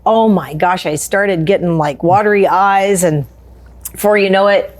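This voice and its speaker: A woman host of an online car show chatting casually on a podcast, an animated storyteller who laughs easily. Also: mid-range voice, normal speed.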